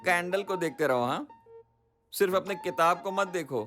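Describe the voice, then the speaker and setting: A man's voice: high-pitched, normal speed, over music, close to an everyday voice. An actor dubbing a cowardly, clingy middle-aged uncle in a comedy film, talking nervously and rambling, his voice jumping up in panic. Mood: panicky.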